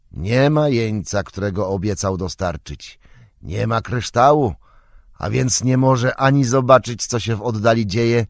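A man voicing a wise, stern old male wizard in an audiobook, explaining at length in a measured, grave way. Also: on the low side, no echo, studio quality. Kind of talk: audiobook character reading.

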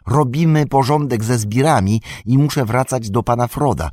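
A man voicing a loyal, eager young male hobbit servant who calls out loudly and urgently. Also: mid-range voice, moderate pace, dry recording, clean studio sound, voice pushed up, close to an everyday voice.

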